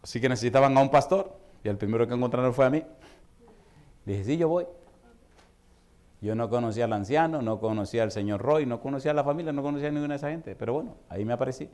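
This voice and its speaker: A man preaching a sermon as pastor, telling a story and swinging from low murmurs to loud, high outbursts. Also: rapid-fire. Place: church.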